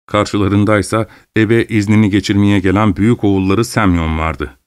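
Low-voiced man reading a story. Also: fairly even intonation, normal speed, clear, resonant tone, dry recording, clean studio sound. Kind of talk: audiobook narration.

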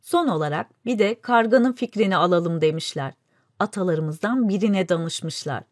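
A woman voicing a shrewd male vizier who speaks deferentially and persuades his sultan calmly. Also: fairly low pitch, moderate pace, no room sound, studio quality. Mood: persuasive. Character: wise scheming male vizier, respectful to the sultan.

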